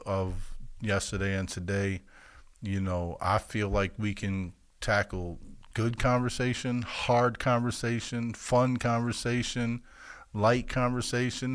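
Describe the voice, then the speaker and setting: Young male podcast host, twenties, smooth lowish voice, emphatic casual delivery. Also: no room sound. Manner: upbeat, emphatic, lots of fillers.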